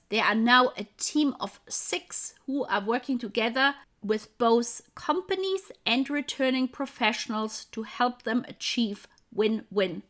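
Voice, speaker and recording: A woman's voice: a little high, fairly bright tone. A woman hosting a podcast, reading a formal introduction and then asking her guest polite questions. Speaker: podcast host. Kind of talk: scripted podcast introduction and interview.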